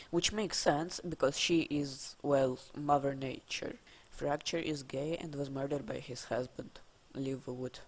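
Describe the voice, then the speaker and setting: A person with a Russian accent narrating scripted game trivia for a video, with dry, deadpan, casual asides. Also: medium pitch, low-quality recording.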